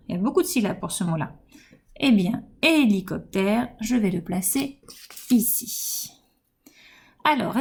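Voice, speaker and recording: In a mid-range voice, a French-accented woman teaches phonics to young children at home as their kindergarten teacher. She goes slowly, pronouncing every word clearly, and encourages them gently.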